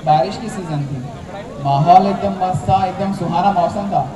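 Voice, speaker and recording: A young man tells an animated stand-up comedy story, acting out his family members in a fairly high voice at a moderate pace. He's performing in a large tented college hall to a seated crowd, using a handheld mic. The clip is filmed from far back in the audience, so it sounds distant and echoey, with audience laughter and chatter around him.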